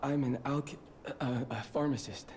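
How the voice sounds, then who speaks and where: Man acting a jittery, rambling alchemist, soft mellow voice. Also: mid-range voice, fairly even intonation, measured pace, a little hiss or hum, lightly acted. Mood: nervous rambling. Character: nervous jittery male alchemist posing as pharmacist. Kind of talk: video game voice acting.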